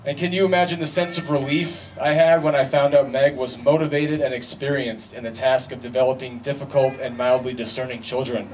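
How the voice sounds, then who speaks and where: A man delivering a best man's wedding speech in a wry, deliberate way with pauses for effect. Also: mid-range voice, fairly even intonation. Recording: distant mic, noisy live event ambience.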